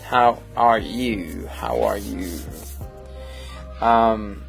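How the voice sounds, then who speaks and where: Speaking very slowly with a lowish, gravelly voice and big pitch swings, a man edits photos during a live stream, with soft background music and poor audio. He has a Colombian accent and is a native Spanish speaker, rambling in a friendly way with many fillers and reading the chat aloud.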